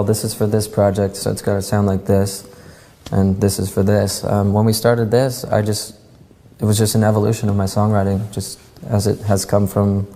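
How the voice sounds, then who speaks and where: A man answering interview questions casually, with frequent ums and pauses. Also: lowish voice. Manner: relaxed, many ums and pauses. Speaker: musician interviewee. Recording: long reverb.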